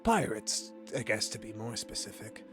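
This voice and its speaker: A man voicing a gruff adult male space pirate captain in a laid-back, matter-of-fact way. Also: on the low side, animated, moderate pace, fairly bright tone, faint music behind. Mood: gruff, wary.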